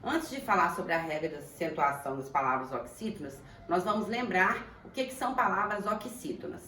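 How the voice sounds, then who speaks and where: A Brazilian woman teaches young pupils a grammar lesson. She speaks slowly and deliberately, stretching words out to sound their syllables. Her voice comes from a distance in a very echoey room with faint ambient noise. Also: fairly low pitch, lively intonation, a bit bright. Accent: Brazilian Portuguese. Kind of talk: primary school grammar lesson.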